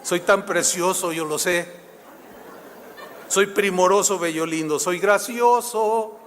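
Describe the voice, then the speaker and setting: A man's voice: high voice, slow, background noise. A man voicing a vain comic character who sings his own praises in a mock-proud sing-song, in a reverberant hall. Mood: smug sing-song. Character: vain, self-adoring comic man singing about himself.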